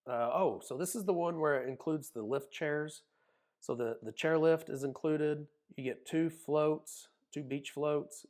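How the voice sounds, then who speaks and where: Folksy Oklahoman man walking through listings. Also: medium pitch. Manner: folksy, chatty, says y'all. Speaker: cruise vlogger. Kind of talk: casual screen walkthrough narration.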